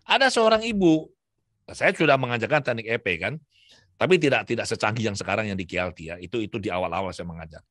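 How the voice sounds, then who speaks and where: Animated man teaching in a seminar. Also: lowish voice, quick pace, no room sound, clean studio sound. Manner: animated, storytelling, gentle. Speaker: self-healing teacher. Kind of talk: seminar talk.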